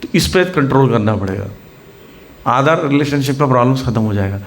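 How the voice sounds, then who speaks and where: A man's voice: medium pitch, expressive, a little fast, slight background noise. An Indian man giving a Hindi sermon at a temple preaching centre, mixing in English words and acting out scolding examples.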